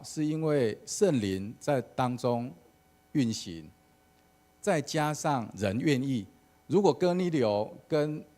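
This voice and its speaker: A man's voice: medium pitch, a little mellow. A man, a church elder giving a casual sermon with an anecdote at a prayer meeting. He talks conversationally and often starts phrases with "好" and "哦".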